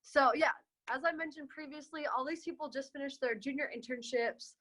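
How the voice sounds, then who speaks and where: Young woman, webinar moderator, bright tone, upbeat, chatty, video call. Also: high-pitched, poor audio. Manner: upbeat, chatty, quick transitions. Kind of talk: casual webinar hosting.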